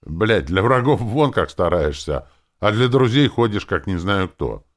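A man voicing a brash, foul-mouthed male elf druid who shouts and mocks. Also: on the low side, expressive, measured pace, pitched above the performer's own voice. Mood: rowdy. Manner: loud, swearing, mocking.

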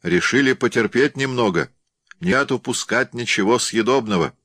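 A man reading an audiobook, voicing a gruff, weathered sled traveler named Bill with a blunt, rough-spoken manner. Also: medium pitch, expressive, moderate pace, a bit bright, no echo, clean studio sound, voice pushed up. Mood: grim.

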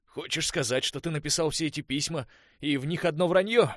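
A male audiobook reader voicing a bitter, angry young man who talks sarcastically and shouts at times. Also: mid-range voice, expressive, fairly quick, no echo, clean studio sound, voice pushed up, close to an everyday voice. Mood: shouting. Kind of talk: audiobook dialogue reading.

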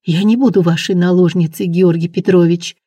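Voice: mid-range voice, steady tone, moderate pace, warm tone, husky, no echo, natural voice. Reader voicing a frightened young pregnant maid. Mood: accusing.

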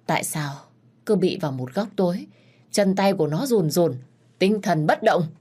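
A woman's voice: on the low side, animated, moderate pace, warm tone, breathy edge. A woman voicing a bitter, resentful mother in a spoken story, accusing and raised. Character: bitter grieving middle-aged mother, servant woman.

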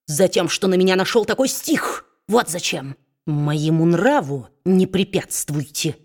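Woman doing a sneering gruff dwarf man. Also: fairly low pitch, a little slow, darkish tone. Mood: gloating. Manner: sneering, gloating, growling. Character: spiteful mocking male dwarf, gruff and low.

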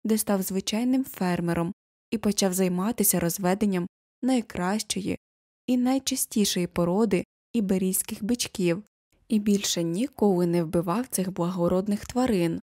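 A woman narrating a children's novel as an audiobook, expressive, lifting her voice for the quoted characters. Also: mid-range voice, normal speed, dry recording, clean studio sound.

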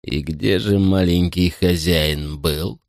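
A man doing a slow, sinister drunk butler. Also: very animated, gravelly, no room sound, clean studio sound, heavily acted. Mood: menacing. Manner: very slow, deliberate, quiet and low.

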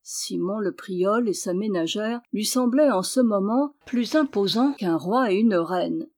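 A woman reading a historical novel aloud as a volunteer audiobook narrator, with steady, expressive storytelling. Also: mid-range voice, unhurried. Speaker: audiobook reader. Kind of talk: literary narration.

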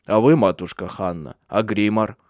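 A man voicing a calm, unflappable father speaking evenly in an audiobook. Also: on the low side, no room sound, studio quality, natural voice. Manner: calm, unhurried.

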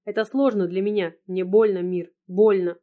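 A woman's voice: medium pitch, steady tone, moderate pace, phone-quality sound, close to an everyday voice. A woman reading the lines of a desperate young man who is tearful and pleading, in an audiobook. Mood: despairing. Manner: pleading, choked with despair.

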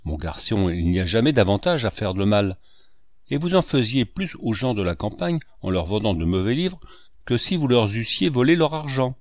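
A man voicing a gentle but firm village priest, in a grave, measured reading. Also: fairly low pitch, no room sound. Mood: stern. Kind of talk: audiobook character reading.

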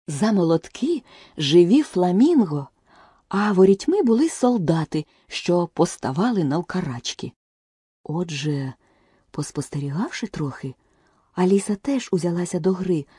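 A woman narrating a children's storybook in a lively, expressive reading. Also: fairly low pitch, breathy edge, no room sound, clean studio sound. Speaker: audiobook narrator.

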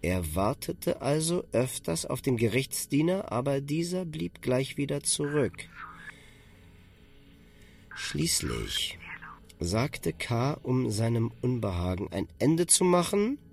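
A man giving scripted narration in a literary radio drama, in a measured storytelling manner. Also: medium pitch, big pitch swings, vocal fry.

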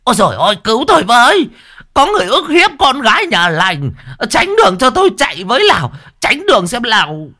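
A man voicing a scheming old man who fakes a shrill, wailing woman's voice. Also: huge pitch swings, a little fast, pushed and bright, exaggerated voice. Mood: panicked wailing. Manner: shrieking, wailing.

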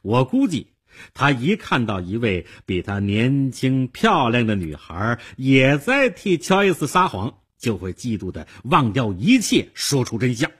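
A man voicing a shrewd, calm middle-aged police detective who explains things in a knowing, matter-of-fact way. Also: medium pitch, a little slow, breathy edge, exaggerated voice. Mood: explaining.

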